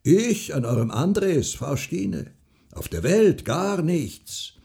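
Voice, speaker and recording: A man's voice: a little high, sing-song, slow pace, voice pushed up, heavily acted. A man putting on a blustering fat old farmer. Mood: boastful, scornful. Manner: gruff, loud and mocking, drawn out.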